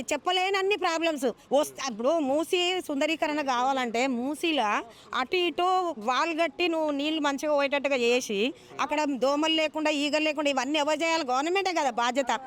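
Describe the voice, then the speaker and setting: A woman with a Telangana accent arguing forcefully in a street interview, firing off rhetorical questions. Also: high voice, brisk. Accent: Telangana Telugu. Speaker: local resident speaking out.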